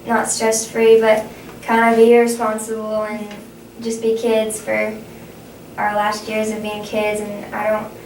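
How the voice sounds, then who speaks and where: Halting young woman, distant and echoey. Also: a little high, monotone. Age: young adult. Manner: halting, repeats and restarts phrases. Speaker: student playing a counseling client. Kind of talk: conversational counseling role-play. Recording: echoey, distant, noisy room recording.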